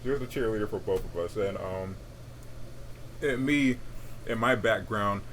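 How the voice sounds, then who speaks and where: On a podcast he co-hosts, a young man chats casually, rambling easily and leaning on lots of fillers. His deep voice has a fairly bright tone at normal speed, with a little hiss or hum in the recording.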